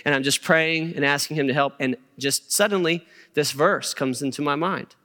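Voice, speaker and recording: A man's voice: fairly high pitch, normal speed, pushed and bright. A middle-aged man preaching a sermon with personal stories, in a conversational way, often checking in with "okay?". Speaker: pastor. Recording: reverberant hall.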